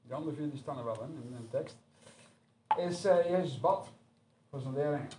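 A man's voice: medium pitch, normal speed. A man preaching a sermon in a conversational, hesitant way, recorded from far off in an echoey church hall. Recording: echoey room from far off, noisy.

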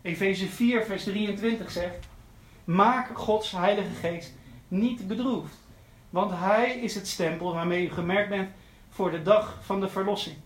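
A man's voice: high-pitched, a little slow, few pauses, echoey room, poor audio. A man preaching a sermon, earnest and repeating his key phrases for emphasis. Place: church.

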